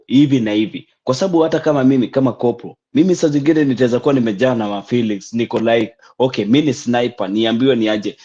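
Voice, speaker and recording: A dull, lo-fi recording of a young Kenyan man in casual conversation. His voice sits at a medium pitch, and he explains things in slangy, code-switching speech. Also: mellow, slightly rough. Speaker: caller, army corporal. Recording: dull, lo-fi online call audio.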